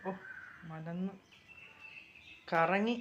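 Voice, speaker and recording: A woman's voice: on the low side, extremely slow, muffled recording, a little hiss or hum. A middle-aged woman chatting casually through her evening chores for a home vlog, explaining each step to viewers. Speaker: homemaker vlogger.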